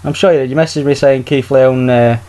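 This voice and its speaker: A man's voice: mid-range voice, fairly even intonation, brisk, warm tone. A man casually hosting a podcast in a hesitant, understated way. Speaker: podcast host.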